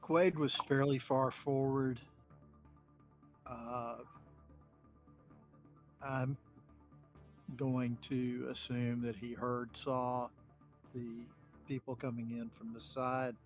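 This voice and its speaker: A man playing a tabletop role-playing game, speaking hesitantly with many pauses and fillers. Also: mid-range voice, flat delivery, soft background music. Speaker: player. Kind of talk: casual tabletop play.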